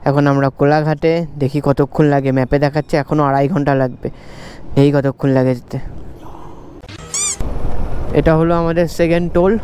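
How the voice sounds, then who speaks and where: A young man narrating a motorbike trip in a relaxed, chatty way, joking along as he stops at roadside places. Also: fairly high pitch, fairly quick, pauses often, a little hiss or hum. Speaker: motorbike rider and co-vlogger. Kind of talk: casual travel vlog narration. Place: roadside stops and fuel station, outdoors.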